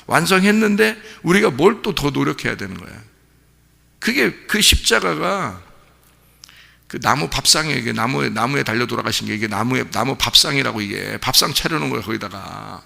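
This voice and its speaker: A man's voice: mid-range voice, very animated, moderate pace, vocal fry, sharp tone, long reverb tail. A male pastor giving an early-morning sermon in a folksy, conversational way, acting out a mother and child in short quoted voices. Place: church sanctuary.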